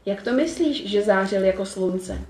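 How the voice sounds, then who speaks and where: A woman voicing a calm, confiding old fairy grandmother. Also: medium pitch, roomy sound, lightly acted, poor audio.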